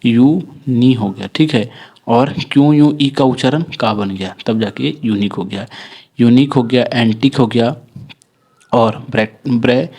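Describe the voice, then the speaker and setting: A man teaching English pronunciation rules, explaining each rule and spelling out example words slowly, often stopping to correct his own slips. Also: mid-range voice, darkish tone. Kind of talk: spoken phonics lesson.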